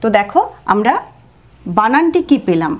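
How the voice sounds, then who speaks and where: A middle-aged woman teaching a grammar lesson at a mid pitch. She spells words out slowly and says each one several times, stopping often to check that her listeners are following. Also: sing-song. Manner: slow, drawn-out, repeating each word; asks "ঠিক আছে?" to check understanding.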